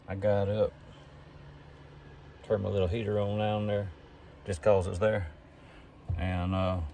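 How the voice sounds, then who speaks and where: Laid-back Southern man, low voice. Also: vocal fry, warm tone, slight background noise. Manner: folksy, drawling, laid-back. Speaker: camping vlogger. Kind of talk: casual vlog talk to camera. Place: camper in a pine forest.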